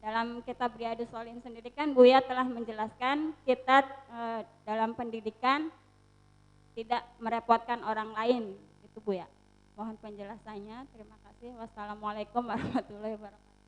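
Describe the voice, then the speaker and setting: A woman asks a preacher a question in polite, formal words. Her voice sits a little above the usual pitch for a woman. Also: flat delivery, moderate pace, rough recording. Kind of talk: asking a question at a sermon.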